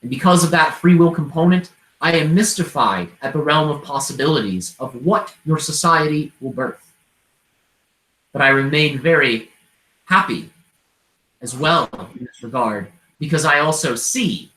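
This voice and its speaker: A man channeling an inquisitive, open-hearted otherworldly being like a seance medium, speaking in formal, measured, abstract sentences. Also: on the high side, bright, forceful tone. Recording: roomy, echoing sound.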